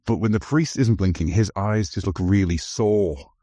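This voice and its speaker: A man's voice: fairly low pitch, moderate pace, dark tone, no echo, clean studio sound. A man hosting a podcast, chatting casually and enthusiastically about a film as it plays. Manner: enthusiastic, talks over film scenes. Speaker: podcast host. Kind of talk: casual film commentary chat.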